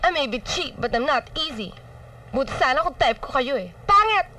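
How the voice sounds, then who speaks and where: An actress playing a sassy, indignant young office assistant in a film drama. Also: female voice, high voice, sing-song, normal speed, sharp tone, far from the mic, exaggerated voice.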